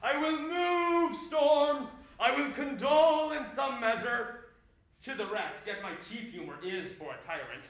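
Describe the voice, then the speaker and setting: A man's voice: very high voice, animated, measured pace, fairly bright tone, exaggerated voice. A man playing a boastful, hammy weaver who wants every part in the play, in a grandiose, showy manner. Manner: grandiose and showy, loves to declaim. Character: boastful hammy male weaver actor, Bottom. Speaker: amateur actor in a play reading. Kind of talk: Shakespeare scene performance. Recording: very echoey room, voice heard from a distance.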